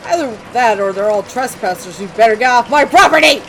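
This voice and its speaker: A cheerful, chatty male hobo from a video game, voiced by a let's-play narrator. He drawls along with a lively, wandering pitch. Steady rain patters clearly behind him. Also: brisk, a little hiss or hum, rough recording. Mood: folksy.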